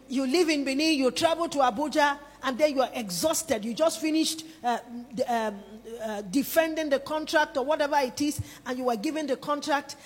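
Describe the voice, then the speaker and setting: A woman preaches with a high, bright-pitched voice, pressing her points home with emphasis. She calls on the congregation to lift their hands and repeat after her. Her voice rings out with a long reverb through a large hall. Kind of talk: sermon.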